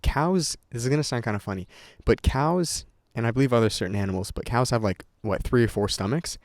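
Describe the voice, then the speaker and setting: This vlogger is a young man chatting unscripted to his camera, swearing liberally, wandering off topic and starting over many times. He speaks briskly in a mid-range voice, captured at studio quality without echo.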